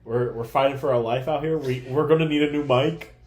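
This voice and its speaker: A man's voice: mid-range voice, a little fast, a little mellow, roomy sound. A young man co-hosting a casual movie podcast, laughing often and swearing freely, recorded on a laptop microphone. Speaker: podcast co-host. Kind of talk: casual chat.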